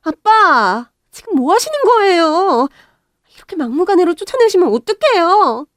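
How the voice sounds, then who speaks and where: A woman's voice: a little high, expressive, moderate pace, darkish tone, dry recording, clean studio sound, lightly acted. A woman voicing a kind, emotional young woman in her early thirties in a storytelling radio drama. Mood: earnest. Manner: pleading, emotional.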